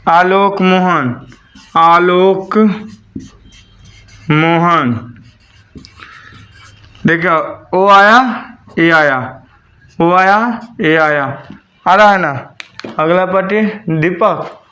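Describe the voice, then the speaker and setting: A man's voice: high voice, very slow, bright, forceful tone. A man teaching a classroom lesson. He spells words out letter by letter and keeps asking the students questions. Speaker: English teacher. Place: classroom with a board.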